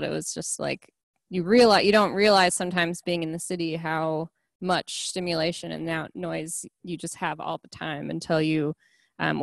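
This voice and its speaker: A woman's voice: on the low side, creaky, dry recording. A woman leading a casual online church group discussion, chatty and saying "like" often. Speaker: worship leader.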